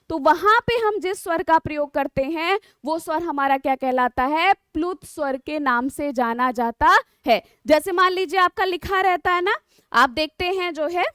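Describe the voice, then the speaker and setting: A woman teacher giving an online exam-prep lesson, explaining patiently with drawn-out words and frequent rhetorical questions to her students. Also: very high-pitched, pushed and bright, no room sound, studio quality.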